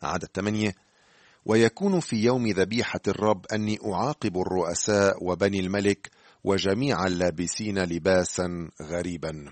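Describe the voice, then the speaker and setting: A man giving scripted radio Bible teaching, speaking to the listener in a measured, earnest way. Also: sits low, dry recording.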